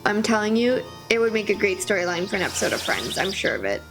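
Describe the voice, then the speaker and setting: A woman vlogger telling a personal story in an expressive, wry way with comic asides. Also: mid-range voice, fast, creaky, faint music behind. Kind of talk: storytelling narration.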